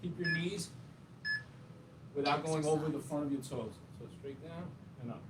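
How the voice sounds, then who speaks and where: Guy talking you through a quick workout, easygoing and encouraging, mic kinda far off, noisy background. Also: a little high, roomy sound. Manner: casual, encouraging coaching while exercising. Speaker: fitness instructor. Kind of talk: workout demonstration. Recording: distant mic with clear background noise.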